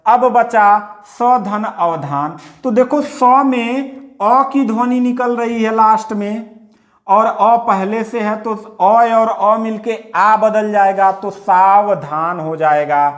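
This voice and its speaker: High-voiced man, slow grammar lesson. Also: fairly even intonation. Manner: explains step by step, repeats his own questions to the class. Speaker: teacher. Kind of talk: exam-prep grammar lesson.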